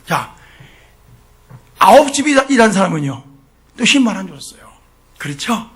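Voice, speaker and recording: A middle-aged man preaching a sermon as pastor, emphatic, asking the congregation questions and swinging from quiet asides to shouting. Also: sits high, very animated, measured pace, breathy edge.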